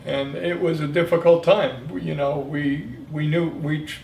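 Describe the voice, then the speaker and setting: Gravelly old veteran remembering, echoey room. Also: male voice, fairly high pitch, steady tone, normal speed, darkish tone. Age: 70s. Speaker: Vietnam veteran being interviewed. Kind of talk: reminiscing in an interview. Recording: echoey room, distant mic, faint noise.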